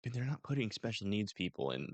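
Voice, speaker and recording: A man's voice: on the low side, very animated, fast, darkish tone, no room sound. A man co-hosting a podcast in casual chat, joking, laughing often and stubbornly arguing his point. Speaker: podcast co-host.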